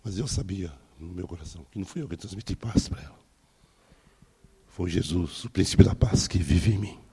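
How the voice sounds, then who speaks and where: A man's voice: sits low, moderate pace, slightly rough. A man, a pastor preaching a sermon and telling personal stories, acting out the dialogue. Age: 60s. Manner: storytelling, acting out dialogue with soft laughs.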